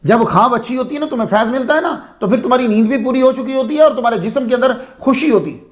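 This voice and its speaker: A man's voice: very high voice, lively intonation. A man telling a saint's story as a sermon-style lecture, in a conversational way that asks the listeners questions. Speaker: religious speaker.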